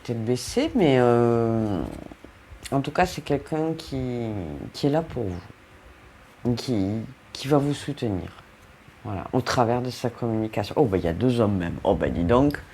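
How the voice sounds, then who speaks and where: A man with a French accent and a medium-pitched, animated, slightly mellow voice gives an unhurried, upbeat tarot card reading directly to his viewers. He's chatty, often laughing and cutting himself off, and there's a little hiss or hum on the recording.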